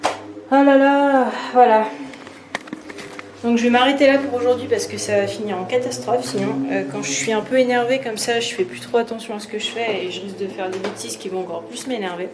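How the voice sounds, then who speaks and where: A woman's voice: a little high, steady tone, fast talker, hardly any pauses, crowd noise. A woman renovating her own bathroom talks casually to the camera, venting her annoyance with lots of fillers and restarts. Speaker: DIY renovation vlogger. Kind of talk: casual vlog talk. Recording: echoey room.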